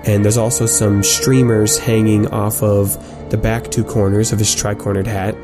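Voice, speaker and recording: A man narrating a tabletop game as game master, describing scenes in halting, improvised detail. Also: on the low side, little pitch movement, over music.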